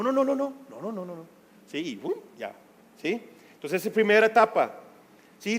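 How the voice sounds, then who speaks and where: A man's voice: sits high, in a large hall. A man preaching a Bible study. He talks conversationally and keeps checking in with his listeners. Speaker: pastor teaching a Bible study. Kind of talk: sermon.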